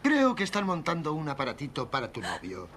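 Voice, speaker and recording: A brash, rough reporter in an old film dub, talking fast with a lively voice. He mocks and orders people about. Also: fairly high pitch, slight background noise. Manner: mocking and bossy.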